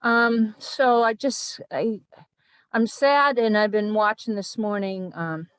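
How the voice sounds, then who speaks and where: An older woman introducing herself on a video call, halting and emotional, with many restarts. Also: medium pitch, a bit bright, smooth, dry recording. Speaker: panelist.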